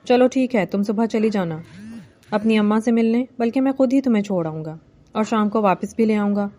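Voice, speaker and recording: A woman's voice: mid-range voice, warm tone, lightly acted. A woman voicing a domineering young male village landlord in a novel reading, commanding and teasing.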